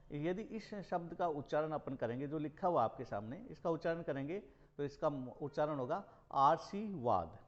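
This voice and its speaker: A male college teacher from Rajasthan, India, giving a recorded grammar lesson and repeating words slowly for emphasis. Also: a little high, a little mellow. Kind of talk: recorded Hindi grammar lecture. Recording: dull lo-fi recording.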